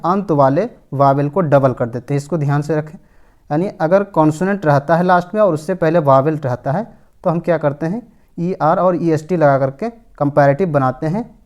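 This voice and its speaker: A man teaching English grammar, who asks himself questions and answers them, and reads English examples slowly and deliberately. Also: on the high side, a little mellow, lo-fi sound. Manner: repeats rhetorical questions to students. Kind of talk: explanatory lesson.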